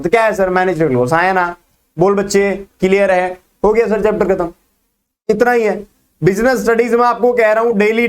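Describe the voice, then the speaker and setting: A male teacher with a high, bright-sounding voice races through a business studies lesson in quick-fire sprinkled with terms. He keeps checking in with his students through rapid questions, in an energetic classroom lecture style that never slows down. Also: clean tone. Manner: fast-talking, quizzes students with quick questions.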